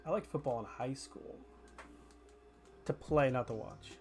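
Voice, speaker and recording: Soft music plays in the background as a man streams a game and chats loosely with his chat, cracking jokes and cursing without restraint. He's a gaming streamer whose mid-range voice is unhurried and creaky.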